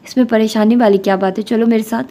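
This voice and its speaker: A woman's voice: a little high, steady tone, dark tone, close to an everyday voice. A woman reading the lines of a bossy, teasing young best friend in an audiobook novel.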